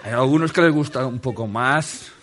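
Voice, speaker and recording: A man's voice: mid-range voice, normal speed, a bit bright. A man giving a humorous motivational talk on a stage, joking with the audience, questioning them directly and laughing often. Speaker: motivational speaker. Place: stage under a spotlight before a seated audience.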